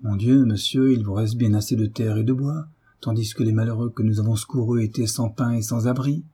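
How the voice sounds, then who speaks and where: Man reading as a gentle pleading young wife. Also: mid-range voice, steady tone, brisk, breathy edge, close to an everyday voice. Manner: soft, pleading.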